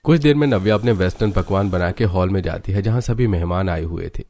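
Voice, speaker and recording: A man narrates a scripted cartoon story in a low voice. His delivery is plain and matter-of-fact. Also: fast, a little mellow, a little hiss or hum.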